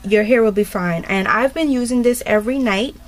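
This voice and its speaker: A woman's voice: a little high, brisk. A woman vlogger talking casually through a hair tutorial, rambling with lots of fillers. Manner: chatty and rambling, many fillers. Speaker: beauty vlogger.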